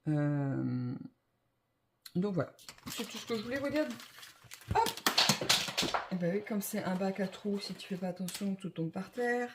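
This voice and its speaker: A woman's voice: mid-range voice, lively intonation, unhurried, long pauses, heavy background noise. A woman chatting casually to her viewers about her coloring supplies, rambling and correcting herself with lots of fillers and a self-mocking tone. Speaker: vlogger. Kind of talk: casual chat to camera.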